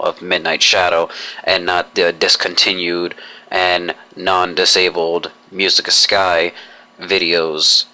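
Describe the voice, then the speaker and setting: A young man rambles through a vlog update in stiff, formal, roundabout sentences, stopping and restarting often. His voice sits low and moves very little, but it has a hard, bright edge. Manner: formal, long-winded phrasing with many restarts. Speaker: YouTuber.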